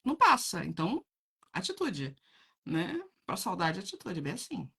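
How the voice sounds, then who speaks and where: A woman chats casually with her viewers in a blunt, direct way and laughs easily. Her voice is bright and sharp, and her pitch swings widely as she talks. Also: sing-song, moderate pace, creaky, breathy edge. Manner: blunt, frank, laughs often, addresses viewers as gente. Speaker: host reading viewer comments. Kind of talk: casual live chat.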